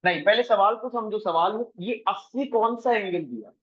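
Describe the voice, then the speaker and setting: A man teaching a coaching class, briskly quizzing his students and mixing English math terms into his talk. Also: high-pitched, lo-fi sound. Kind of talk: classroom lesson.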